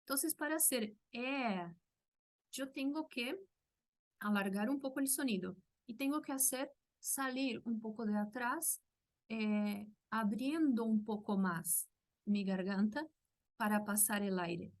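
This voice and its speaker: Slow, patient woman teaching language sounds. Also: a little high. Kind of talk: online language lesson.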